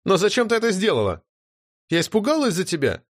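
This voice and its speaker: A man voicing an indignant, hot-tempered young female unicorn in an audiobook, pushing his pitch high and exclaiming. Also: huge pitch swings, fast talker, full character voice. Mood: agitated. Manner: raised, strained falsetto-like pitch, exclamatory. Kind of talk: audiobook character voice.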